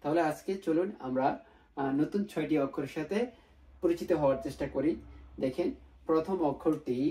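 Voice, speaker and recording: Male language teacher, mellow tone, patient, repeats each sound, recorded off-mic. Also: on the high side, far from the mic. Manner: mixes English words into explanations. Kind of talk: online language lesson.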